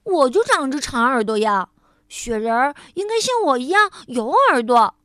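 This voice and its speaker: A woman's voice: high-pitched, sing-song, moderate pace, a bit bright, dry recording, clean studio sound. A woman voicing a cheerful, eager young rabbit who talks insistently.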